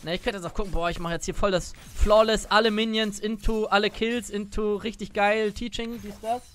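There's slight background noise as he speaks a little fast in a high-pitched, steady, slightly bright voice. He's an Italian-born gaming streamer in his twenties, rambling casually to viewers about his play. He's indoors at his gaming setup, close to a desk mic and wearing a headset.

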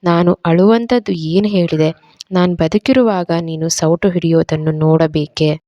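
Lady doing a grumpy sarcastic old dad, low and dark, barely acted. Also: moderate pace, dry recording, dull audio, close to an everyday voice. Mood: bitter. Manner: biting, sarcastic. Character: irritable, sarcastic aging father.

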